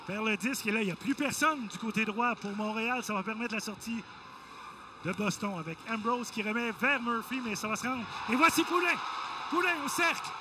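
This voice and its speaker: A woman with a Quebec French accent giving excited live hockey play-by-play, in clipped phrases that rise to shouts on big plays. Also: on the high side, brisk. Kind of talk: excited live sports commentary. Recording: loud arena noise behind voice. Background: hockey arena ambience.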